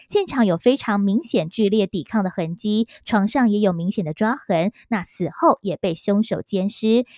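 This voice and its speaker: A woman's voice: medium pitch, darkish tone, no room sound, studio quality. A woman narrating true crime as a storyteller.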